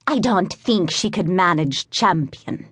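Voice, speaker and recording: A woman doing a squeaky, scornful male Gwyllion. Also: lively intonation, slow pace, no echo. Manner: mocking, blunt. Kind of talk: audiobook narration.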